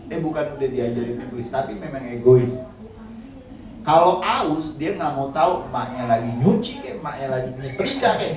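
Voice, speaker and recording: This man's voice is on the high side, with a little hiss or hum in the recording. He's a pastor preaching conversationally in a church hall, joking now and then and addressing the congregation directly, picked up by a distant mic in a very echoey room.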